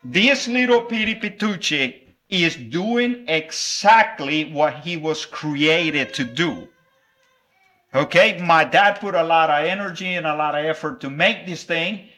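The speaker is a male preacher with a bright, fairly high voice who comes from El Salvador and grew up speaking Spanish. Playful and warm with the children, he animates a sermon's object lesson, stopping and starting again haltingly.

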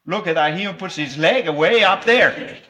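In a high, bright voice, a Spanish-speaking preacher from El Salvador gives a sermon that includes an object lesson for children. He's animated, warm and playful with them, with some halting restarts along the way.

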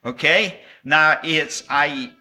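A bright-voiced male preacher from El Salvador, a native Spanish speaker, speaks on the high side. He gives a sermon with an object lesson for children, warm, animated and playful with them, though he restarts haltingly.

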